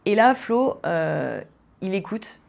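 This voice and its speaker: A woman's voice: mid-range voice, slow, creaky. Young woman telling a story, casual. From Vendée, France. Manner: animated, tumbling speech with frequent fillers and restarts. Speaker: podcast host.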